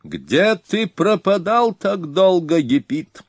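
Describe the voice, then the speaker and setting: Shrill insolent young Hun prince, a man doing it. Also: sing-song, takes it slowly, slightly rough, no echo, heavily acted. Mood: arrogant shouting. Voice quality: shrill, high, grating. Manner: shouting, arrogant, threatening.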